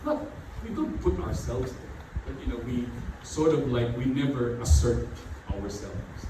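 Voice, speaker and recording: A pastor in middle age, not a native English speaker, gives an expressive, unhurried sermon in a mid-range voice. He tends to repeat phrases and fill pauses with "you know." The church hall is very reverberant, with the mic far off and some background noise.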